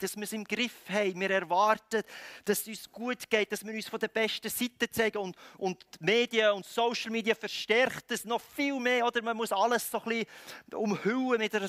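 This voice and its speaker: A man with a Swiss German accent preaching a sermon, swinging between loud calls and quiet, close lines. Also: high voice, no echo. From Switzerland.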